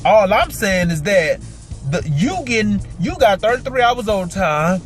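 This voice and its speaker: A man voicing his nagging male supervisor in a storytime, lecturing and insistent, a little lower than his own voice. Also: expressive, normal speed, soft background music.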